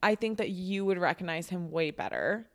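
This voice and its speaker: A young woman in her twenties, a podcast co-host whose first language is Russian, telling stories in a casual chat, animated and full of "like" fillers and laughter. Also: fairly low pitch, normal speed. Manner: animated storyteller, many "like" fillers, laughs often.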